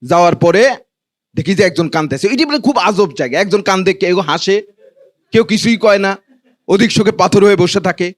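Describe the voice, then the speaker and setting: A man from Noakhali, Bangladesh, with a Bangladeshi accent, does stand-up for a live audience, trading colloquial, teasing banter. His voice is high-pitched with lively intonation at a normal speed.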